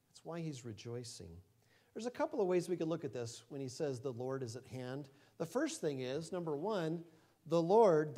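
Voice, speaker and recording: A middle-aged male preacher with a fairly high but mellow, warm voice. He preaches conversationally, swinging between soft asides and loud emphasis, with a quick chuckle now and then. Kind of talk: sermon.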